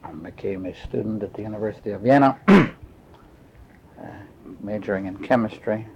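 An older man from Austria, recalling his life story in a measured, matter-of-fact way, pausing to search for words. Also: deep voice, a little mellow, a little hiss or hum. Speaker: interviewee. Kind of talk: oral history recollection. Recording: dull lo-fi tape recording.

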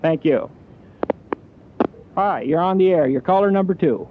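A man's voice: high voice, lively intonation, a little slow. A man hosting a call-in radio show, talking listeners through a prize giveaway in easy on-air patter, with frequent filler sounds. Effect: radio broadcast sound. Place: radio station studio. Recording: tinny, lo-fi radio broadcast.

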